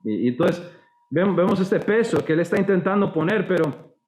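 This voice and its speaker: A man's voice: sits high, animated, a little fast, a little mellow, roomy sound, low-quality recording. A man preaching a sermon with a Costa Rican accent, conversational and acting out the voices he quotes. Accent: Costa Rican Spanish. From Costa Rica. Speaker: pastor.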